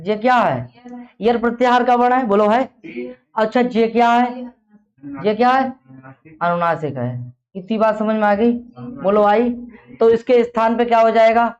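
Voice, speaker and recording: With a very high voice at normal speed and many pauses, a man teaches grammar to a classroom. He tests his students by asking the same questions again and again, heard through a dull lo-fi recording.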